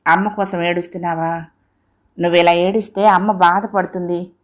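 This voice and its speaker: A woman voicing a remarried father who coaxes his daughter and turns evasive and sharp in a storybook reading. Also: on the low side, little pitch movement, normal speed, lightly acted. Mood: coaxing. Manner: coaxing, then sharp and scolding.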